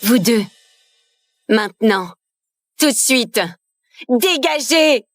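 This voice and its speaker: An actress voicing a wronged, defiant young wife in a dubbed drama, speaking in curt, sharp commands. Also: female voice, fairly high pitch, animated, extremely slow, dry recording, studio quality, faint music behind. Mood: angry. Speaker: lead heroine.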